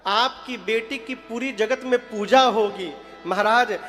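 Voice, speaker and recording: A man's voice: very high-pitched, takes it slowly, fairly bright tone, faint music behind. A man preaching a devotional story sermon, telling stories, quizzing his listeners and singing short verse lines. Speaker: katha preacher.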